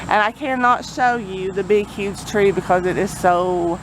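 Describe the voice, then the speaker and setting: A woman vlogger talks unhurriedly in a medium-pitched voice, giving a folksy, rambling update outdoors beside a road. A generator runs and vehicles pass in the background as she chats.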